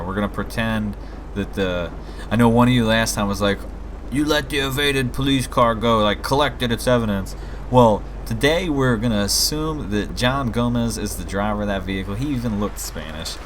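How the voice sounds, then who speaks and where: This gaming video host and mod maker has a lowish voice and speaks fairly quickly, casually thinking aloud and chatting with viewers during a let's play. The backdrop is clear video game rain along with vehicles and city ambience.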